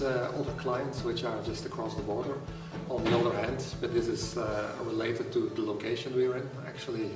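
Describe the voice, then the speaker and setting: A middle-aged man from Belgium gives careful, hesitant interview answers full of fillers. His low voice is picked up from afar in a reverberant room. Music runs clearly behind him. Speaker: employers' organization representative. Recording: echoey room from far off with music.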